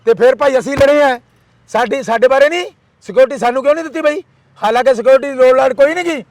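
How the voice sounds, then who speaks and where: A man's voice: very high voice, darkish tone, no echo. A man giving an impassioned interview, firing off rhetorical questions and repeated demands. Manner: fiery, rhetorical, repeats demands in rapid lists.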